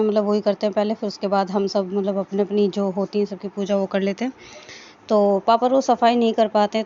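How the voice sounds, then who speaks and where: At her family home, a woman narrates her daily vlog in a chatty, rambling, homely manner. Her mid-range voice is warm, though the audio has its highs cut off and a little hiss or hum.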